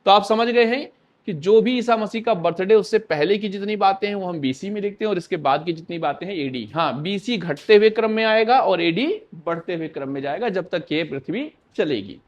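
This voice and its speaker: A man's voice: sits high, brisk. A male teacher giving an exam-prep history lecture, asking questions aloud and answering them himself.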